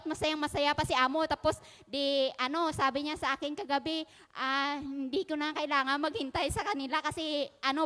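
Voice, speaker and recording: Woman, high-pitched, earnest testimony with halting thanks, long reverb of a large hall. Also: a bit bright. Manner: earnest, grateful, halting with fillers. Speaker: domestic worker giving testimony. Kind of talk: personal testimony.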